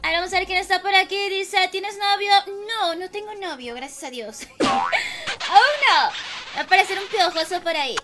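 A woman with a very high, bright voice, hoarse from losing it, chatting late at night on a gaming livestream. She greets her viewers one by one, warm and affectionate, blowing them kisses. Faint music plays behind her. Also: animated, normal speed. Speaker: livestream gamer host.

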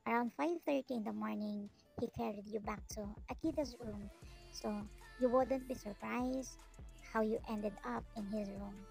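A woman tells a fan fiction story in the second person, reading it as a voiceover. Her voice is slightly high, with heavy vocal fry and a husky grain. Soft background music plays quietly. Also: moderate pace, low-quality recording. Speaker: narrator.

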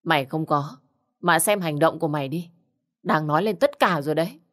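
A woman's voice: sits low, a little fast, close to an everyday voice. A woman reader voicing an angry, jealous young husband who speaks in harsh, accusing bursts. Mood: furious.

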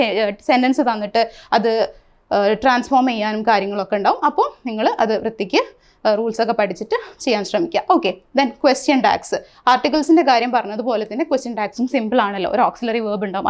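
Woman teacher, Malayali accent, slightly high pitch, explanatory lesson style. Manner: explanatory, asks rhetorical questions. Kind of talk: exam syllabus lesson.

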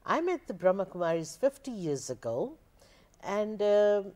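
An older woman from Zambia, a spiritual teacher and studio guest, answering interview questions in a measured, unhurried way on a lapel mic. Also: medium pitch, big pitch swings, a little mellow. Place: TV studio, indoors.

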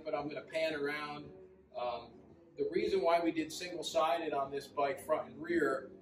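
A man in his forties giving a casual, relaxed walkaround tour of a custom motorcycle, filling pauses with ums and uhs as he talks. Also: a little high. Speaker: custom motorcycle builder, shop owner. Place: large indoor motorcycle showroom with metal walls. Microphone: camera several feet away. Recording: roomy echo, distant mic, faint room hum.

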